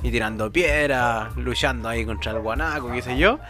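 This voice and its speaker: A man's voice: medium pitch, moderate pace, music in the background. A young Chilean man hosting, joking and throwing in slangy interjections in casual banter.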